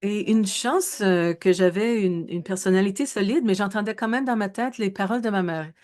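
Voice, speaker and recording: A woman in her thirties giving a research presentation in a webinar, speaking in a measured way with frequent hesitations and self-corrections. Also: mid-range voice, darkish tone. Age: 30s.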